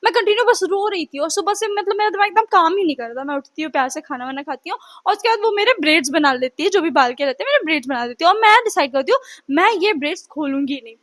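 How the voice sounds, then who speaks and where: A woman's voice: very high-pitched, lively intonation, rapid-fire, few pauses, fairly bright tone. A teenage girl telling a personal story in a chatty, dramatic vlog style, acting out what people said. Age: teens. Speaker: vlogger.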